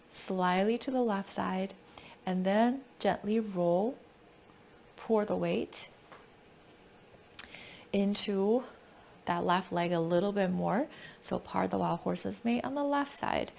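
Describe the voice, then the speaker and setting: A woman teaching tai chi step by step with calm, gentle, unhurried cues. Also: medium pitch, vocal fry. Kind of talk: step-by-step movement instruction.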